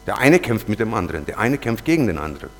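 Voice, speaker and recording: A man giving an earnest, emotional spoken testimony, not a native German speaker, confessing quietly and then pleading loudly, and reading verses slowly. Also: on the low side, sing-song. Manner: earnest, confessional, swings between loud pleading and quiet muttering; slow, deliberate when reading scripture verses. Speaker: preacher giving a personal testimony. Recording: long hall reverb with faint hum.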